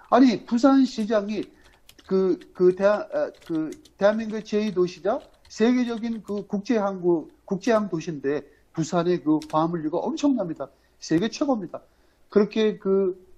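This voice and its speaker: A man from Incheon hosting a political livestream, talking in a rambling, halting way full of fillers and emphatic rhetorical questions. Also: high-pitched, a little mellow. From Incheon, South Korea. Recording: dull lo-fi audio.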